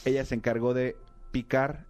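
A man with a Mexican accent, a radio host telling a story in casual chat with animated energy and playful mock voices. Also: medium pitch, normal speed, soft background music.

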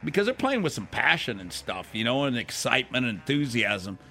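Male sports radio analyst, gravelly and forceful, talking football casually. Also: medium pitch, big pitch swings, brisk.

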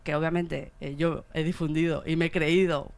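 A woman's voice: low-pitched, normal speed. A woman in her thirties with a Spain Spanish accent, chatting casually as a podcast guest and telling comic anecdotes with lots of laughter. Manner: animated storyteller who acts out quotes and laughs often. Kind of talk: casual comedic chat.

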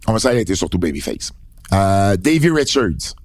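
A man's voice: sits low, big pitch swings, moderate pace, darkish tone. A man with a Quebec French accent, co-hosting a podcast in casual, joking chat. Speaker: podcast co-host.

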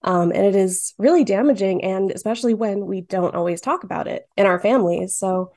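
This guest cartoonist, late twenties and from Michigan, talks quickly in a medium-pitched, slightly mellow voice, answering interview questions with many fillers and plenty of laughs. The recording is dry and studio-clean.

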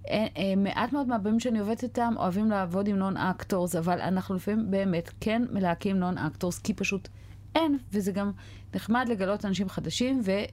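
A woman's voice: mid-range voice, darkish tone. A woman with an Israeli accent talking conversationally as an interview guest, stressing her points through repetition. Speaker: casting director interviewed as guest.

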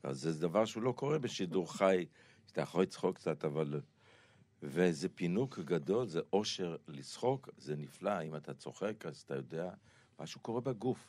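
Deep-voiced man telling stories, dry studio. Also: animated, darkish tone, no room sound. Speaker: comedian guest. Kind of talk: talk show conversation. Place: radio studio.

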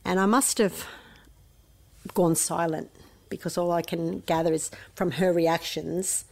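Soft-spoken Australian mother, lowish voice. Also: flat delivery, vocal fry. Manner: soft, halting, drops to near whispers. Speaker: mother of a missing teen. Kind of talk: emotional interview testimony.

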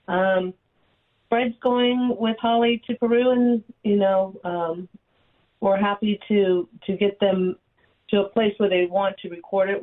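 A woman from a record label giving a chatty, rambling update on a talk radio show, heard through a narrow lo-fi AM radio sound. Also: mid-range voice. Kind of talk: casual on-air update. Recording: tinny phone-like AM radio line.

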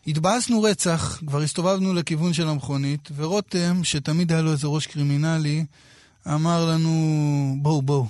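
Man, thirties, from israel, casual animated storyteller, dry sound. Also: a little high, no room sound. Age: 30s. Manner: animated, lively anecdotes with quoted dialogue. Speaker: guest telling a personal story.

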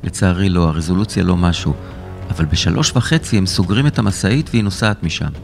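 A man voicing a brisk, matter-of-fact young tech helper in a serialized children's story. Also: sits low, vocal fry, darkish tone, soft background music. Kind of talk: storybook character reading.

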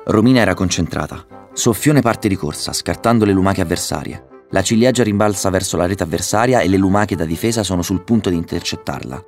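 A man reading a children's story aloud, narrating with a lively delivery and excited voices for the dialogue. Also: deep voice, a little fast, hardly any pauses, soft background music.

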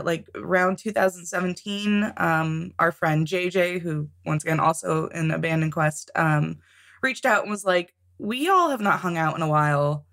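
A woman's voice: on the low side, a bit bright. A woman guest in a casual interview, talking about tabletop games, chatty with frequent laughs and ums. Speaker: podcast guest, tabletop game author.

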